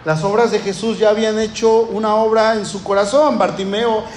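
High-voiced preacher in echoey hall. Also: male voice, steady tone, normal speed, a little mellow, slight background noise. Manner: impassioned, repetitive, building emphasis. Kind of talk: sermon.

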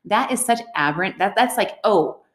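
A woman at a medium pitch tells a story in casual chat. She is a co-host who acts out each quote with animation. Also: animated, moderate pace, echoey room, a crowd in the background. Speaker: podcast co-host.

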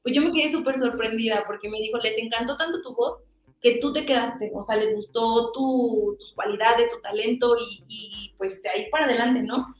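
A Mexican woman telling a lively story in an interview, acting out quoted dialogue in a chatty, animated way. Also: fairly high pitch, normal speed, echoey room, low-quality recording. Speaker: guest voice actress.

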